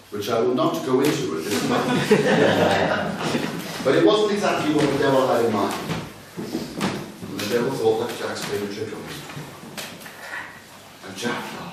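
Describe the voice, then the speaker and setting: A man from Wales telling a folk tale live to an audience, with playful asides. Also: medium pitch. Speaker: storyteller. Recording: echoey room from far off, noisy.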